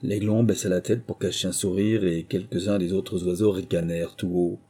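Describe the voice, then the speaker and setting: Man, audiobook narrator, dark husky voice, low pitch, measured reading. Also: steady tone. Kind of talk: storybook reading.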